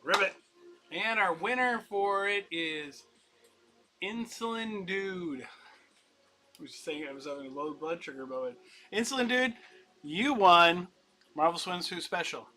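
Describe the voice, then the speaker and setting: A man's voice: high voice, animated, measured pace, pauses often, bright, forceful tone, low-quality recording. A man running a casual live-stream comic auction, chatty and upbeat, rambling and laughing as he talks.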